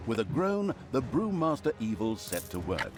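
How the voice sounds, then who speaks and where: Wry game narrator, droll, theatrical, storybook fantasy, very lively intonation, loud music behind. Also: male voice, medium pitch, normal speed. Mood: dry, mocking. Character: wry storybook male narrator mocking an evil army.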